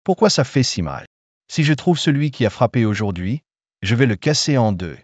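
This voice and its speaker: A man's voice: mid-range voice, big pitch swings, moderate pace, breathy edge, no room sound, lo-fi sound. An actor dubbing an arrogant, short-tempered rich young man in a drama series, curt and scornful. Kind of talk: French dub of a drama series.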